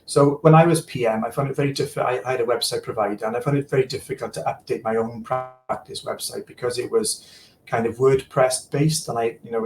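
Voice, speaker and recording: A former practice manager now supplying digital services talks casually through a screen demo as a guest on a video call, tripping often on fillers and repeated words. His voice is creaky and gravelly at an ordinary middle pitch. The recording is rough, with a faint hiss.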